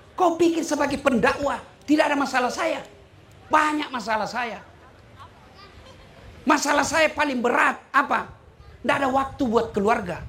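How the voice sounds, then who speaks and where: A man's voice: very high voice, sharp tone, a little hiss or hum. A middle-aged man preaching a humorous sermon. He jokes, teases the audience and throws out rhetorical questions. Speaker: Islamic preacher.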